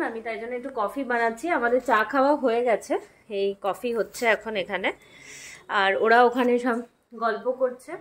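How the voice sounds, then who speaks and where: A woman's voice: fairly high pitch, fairly bright tone. A woman vlogger narrating casually while she organises and cooks in her home kitchen. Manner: chatty, talks to viewers while doing kitchen chores, coaxing baby talk to a child.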